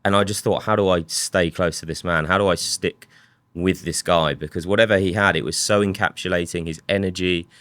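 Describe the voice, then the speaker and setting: Deep, bright-toned man reflecting. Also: steady tone, a little fast, no room sound. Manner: reflective storytelling with many restarts. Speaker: guest, software company co-founder. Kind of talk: casual conversational interview.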